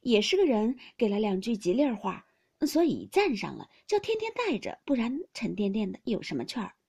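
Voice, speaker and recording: A poised young woman gently chides a friend in a calm, even manner, as a woman reads her part. The voice is breathy and sits a little high. It is a storybook reading. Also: brisk, heavily acted. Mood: gently chiding.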